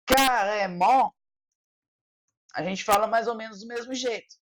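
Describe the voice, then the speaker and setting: A woman's voice: fairly high pitch, fairly even intonation, fast talker, a bit bright, rough recording. Brazilian woman teaching French patiently. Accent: Brazilian Portuguese. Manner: explains patiently, tag "tá?" after nearly every point. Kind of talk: online language lesson.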